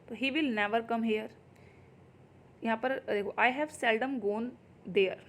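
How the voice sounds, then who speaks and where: A woman's voice: on the high side, a little hiss or hum. Hindi-speaking woman teaching grammar. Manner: explains in Hindi, reads English examples slowly. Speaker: English teacher. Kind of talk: exam-prep grammar lesson.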